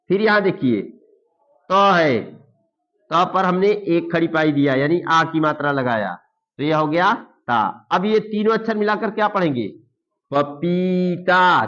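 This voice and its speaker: Male teacher, slightly high voice, very slow and drawn out, repeats each word, dull lo-fi sound. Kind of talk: slow Hindi reading lesson for beginners. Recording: dull lo-fi recording.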